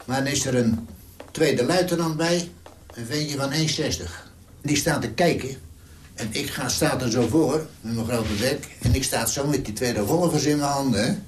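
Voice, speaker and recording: A man's voice: mid-range voice, moderate pace, a little hiss or hum. A man in his nineties, a war veteran, telling his story in an interview in a blunt, salty way and acting out the dialogue. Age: 90s. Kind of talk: vivid wartime storytelling interview.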